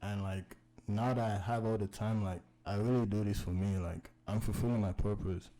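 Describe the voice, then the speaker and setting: A young man guesting on a podcast as a rapper, earnest and relaxed in his delivery. His voice sits low with a soft, mellow tone. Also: normal speed, poor audio. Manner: laid-back, earnest, uses "like" as filler. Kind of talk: casual interview chat.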